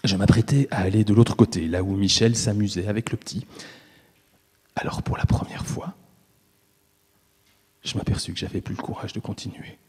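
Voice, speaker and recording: A man giving an intimate, expressive first-person literary reading, with long reverb on the voice. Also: fairly low pitch, normal speed, pauses often, breathy edge. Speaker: reader.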